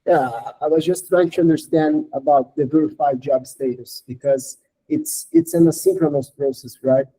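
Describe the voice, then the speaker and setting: Man asking questions on a video call through garbled, robotic audio; a bit high-pitched and mellow, halting. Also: lively intonation, breathy edge. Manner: halting, with many restarts. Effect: garbled, robotic low-quality call audio. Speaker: meeting participant asking questions. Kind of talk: casual technical meeting talk.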